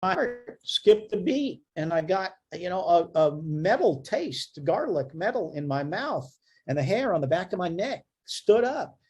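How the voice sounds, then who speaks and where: A man's voice: high voice, big pitch swings, a little slow, a little mellow, breathy edge. A man, a radiologist, giving a medical lecture in a joking, conversational way, often checking in with "okay?". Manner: jokey, conversational, frequent "okay?" check-ins.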